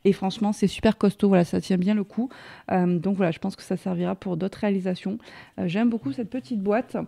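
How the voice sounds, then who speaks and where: A woman hosts a relaxed craft tutorial, chatting through each step as she works. Her voice is mellow and warm with a slight gravelly fry. Her explanations are easygoing and practical. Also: medium pitch, a little fast. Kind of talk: casual hands-on craft tutorial.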